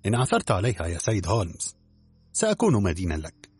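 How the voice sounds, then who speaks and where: A man reading a husky, fast-talking fawning swindler. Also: low-pitched, wildly swooping pitch, a little mellow, no echo, faint music behind, exaggerated voice. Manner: fawning, cool and evasive. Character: smooth-talking burly bald male swindler. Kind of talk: audiobook character reading.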